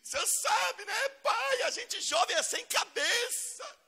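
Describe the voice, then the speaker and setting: A man's voice: extremely high pitch, very animated, slow pace, long reverb tail, voice pushed up, exaggerated voice. A preacher playing a careless young son who whines and begs his father for forgiveness. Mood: pleading. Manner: whiny, pleading, shouted.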